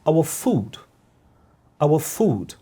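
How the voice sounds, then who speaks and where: A middle-aged man from Guyana, speaking as a podcast guest in a reflective discussion, measured and repeating words, often checking in with "all right?". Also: a little high, sing-song, mellow, breathy edge.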